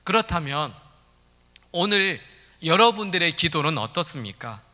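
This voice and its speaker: Bright-voiced pastor in an echoing church. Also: male voice, a little high, big pitch swings, measured pace. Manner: earnest, asks the congregation direct questions. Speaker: senior pastor. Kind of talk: sermon with opening prayer. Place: church sanctuary.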